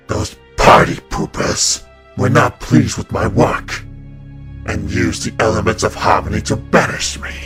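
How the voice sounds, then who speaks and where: For a cartoon comic dub, a man voices an evil ancient winged serpent spirit, gloating and mocking with a theatrical delivery in a lowish voice.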